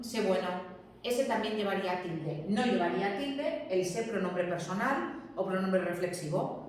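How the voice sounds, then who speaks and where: A woman's voice: mid-range voice, slight background noise. A woman, a teacher giving a classroom lesson, explaining patiently and often checking that students follow. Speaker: Spanish teacher. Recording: very echoey room, distant mic.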